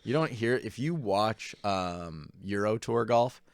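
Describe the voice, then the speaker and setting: Man, low voice, playful co-host, dry close mic. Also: expressive, smooth, no echo. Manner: playful, laughs easily, quick reactions. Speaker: podcast co-host. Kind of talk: casual chat.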